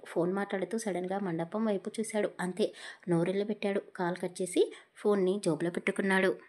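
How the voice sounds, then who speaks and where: Expressive woman reading an audio story. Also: fairly high pitch.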